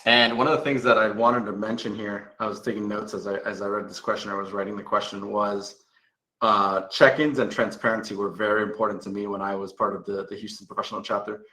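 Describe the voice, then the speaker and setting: A man moderates a panel in a relaxed, conversational way. His voice is low but crisp and forceful, and the room around him rings with echo. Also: a little fast. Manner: relaxed, conversational, some ums.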